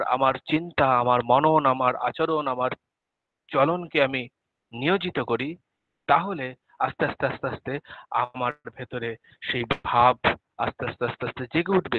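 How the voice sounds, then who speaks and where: Male preacher, fairly high voice, devotional talk full of repeated phrases, thin phone-like sound. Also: no room sound. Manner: repeats phrases for emphasis, drops to a soft voice when speaking prayers. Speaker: religious speaker. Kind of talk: devotional sermon.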